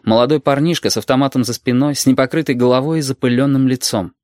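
A man's voice: mid-range voice, fairly even intonation, fast talker, a little mellow, no room sound. Man reading an audiobook in a dry, close voice. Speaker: narrator.

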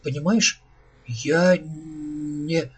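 A man voicing a nervous male robot who stammers, with a husky voice, in an audiobook reading. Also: fairly high pitch, moderate pace. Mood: hesitant. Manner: hesitant, stammering.

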